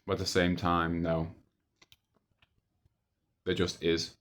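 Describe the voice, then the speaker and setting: Rambling young man with a low voice. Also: monotone, takes it slowly, fairly bright tone. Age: young adult. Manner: hesitant, repetitive, with trailing thoughts. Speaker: video diarist. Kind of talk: casual rambling monologue to camera.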